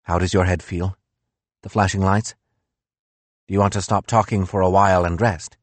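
A man voicing a careful male physician who speaks softly and slowly. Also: low-pitched, flat delivery, no echo, natural voice. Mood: gentle. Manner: soft and slow, gentle.

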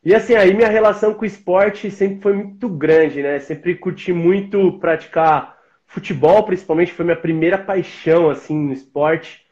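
A São Paulo man in his forties, with the city's Brazilian Portuguese accent, joins a casual live-stream interview as a guest over video call. His voice sits high and he talks at a moderate pace, slangy, laid-back and chummy, with lo-fi sound.

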